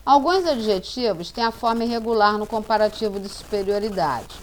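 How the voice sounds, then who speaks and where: A woman's voice: mid-range voice, expressive, brisk, a little hiss or hum. A woman teaching English grammar to students, explaining each rule step by step, spelling out letters and repeating every example sentence. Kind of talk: slow classroom explanation.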